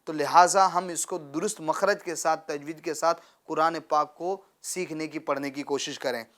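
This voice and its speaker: A man's voice: on the high side, steady tone, a bit bright. A man teaching Quran recitation to a child, asking questions and having the pupil repeat after him, with frequent praise. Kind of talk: patient call-and-response teaching.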